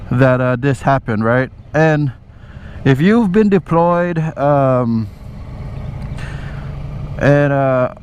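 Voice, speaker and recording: This man has a mid-range, slightly mellow voice and tells a loose, conversational story while motovlogging through traffic. An army veteran, he swears often and checks in with the listener, his words set against motorbike engine and road traffic noise.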